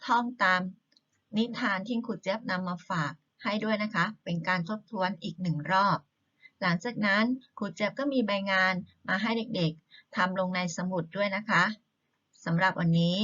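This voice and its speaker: A woman primary school teacher explaining gently to young children, with polite soft sentence endings. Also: medium pitch, moderate pace. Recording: slightly dull lo-fi recording.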